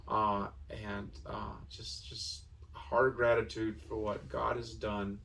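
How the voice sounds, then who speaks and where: A man hosting a year-end reflection, earnest and a little emotional, pausing often with fillers. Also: fairly low pitch, flat delivery, creaky, fairly bright tone, far from the mic, a little hiss or hum. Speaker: host of a toy ministry channel.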